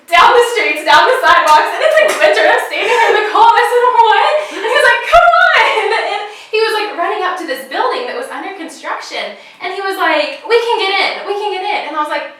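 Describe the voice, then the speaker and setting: A twenty-one-year-old woman telling a funny story in casual chat, animated and laughing, in a bright dining room. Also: very high-pitched, fast talker, hardly any pauses, slight background noise. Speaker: co-host. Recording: echoey room, far from the mic.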